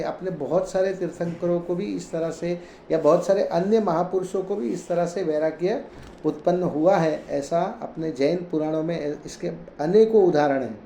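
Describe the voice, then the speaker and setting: Guy reading jain scripture slow and explaining it, kinda high mellow voice, echoey room w faint hum. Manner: chants Sanskrit verses slowly, then explains in conversational Hindi. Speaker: Jain scripture reader and teacher.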